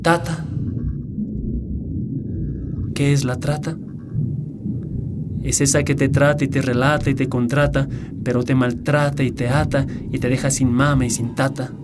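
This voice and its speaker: A man's voice: mid-range voice, flat delivery, normal speed, very noisy. A man reciting a dramatic, rhythmic spoken-word poem full of rhyming wordplay. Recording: music behind the voice.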